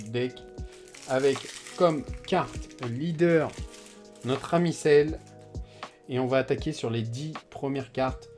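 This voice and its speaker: A man giving casual, chatty commentary as he opens card packs, often hesitating and trailing off. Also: medium pitch. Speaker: card collector opening packs.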